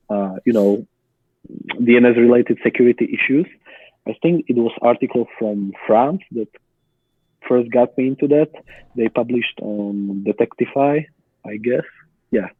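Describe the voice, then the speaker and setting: On tinny, phone-like call audio with no echo, a young Slovak man with a Slovak accent and a medium-pitched voice explains his research as a guest in casual conversation. He's thoughtful and uses many fillers.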